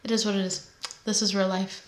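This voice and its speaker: A woman with a mid-range voice speaks a little fast in a flat delivery, hosting a home cooking channel from her kitchen. She chats casually and rambles, laid-back and full of fillers, sounding nasal as she recovers from a head cold. The room is echoey, with faint background noise.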